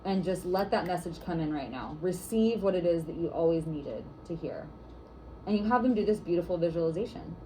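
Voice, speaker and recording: A woman's voice: on the low side, expressive, a little fast, warm tone, a little hiss or hum, rough recording. A woman instructor teaching a workshop class for massage therapists, guiding and chatty with lots of "like" fillers.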